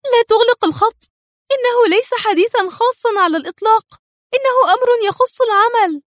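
Anxious wife on a phone call, put on by a woman narrator, high strained pitch, dry close sound. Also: brisk, no room sound. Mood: urgent. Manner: urgent, high-pitched pleading.

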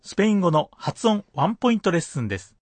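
Lively, husky male language teacher. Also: sits high, quick pace, no echo, soft background music. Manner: patient, explains pronunciation point by point. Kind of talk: radio language lesson explanation.

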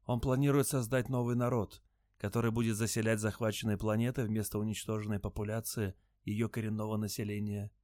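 A man voicing a timid robed alien creature who talks in a soft rustling whisper. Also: fairly low pitch, flat delivery, brisk, no room sound, clean studio sound, natural voice. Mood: fearful, hushed.

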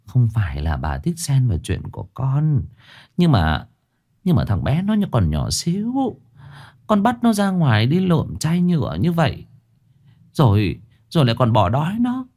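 A kind old neighbor woman, pleading softly and fretting in a raised voice, as a man puts her on. Her pitch lifts and falls with feeling. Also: exaggerated voice. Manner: soft, pleading and fretful. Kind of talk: storytelling with character voices.

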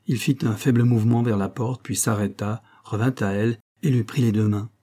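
A man reading a novel aloud as scripted narration, measured and even. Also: on the low side. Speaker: audiobook reader.

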